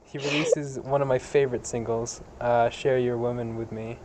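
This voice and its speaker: A man's voice: mid-range voice, fairly even intonation, moderate pace, very noisy. A man hosting a casual podcast, reading out facts with many fillers and restarts. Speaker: podcast host.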